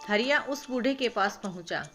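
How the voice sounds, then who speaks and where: A woman narrating a moral story in a steady, calm storytelling voice. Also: fairly high pitch, moderate pace. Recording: background music.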